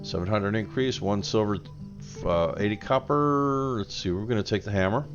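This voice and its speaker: A man's voice: fairly low pitch, moderate pace, dull audio. A man hosting a let's play, chatting casually with lots of fillers and reading quest text aloud, with game music behind him. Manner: relaxed, with many fillers.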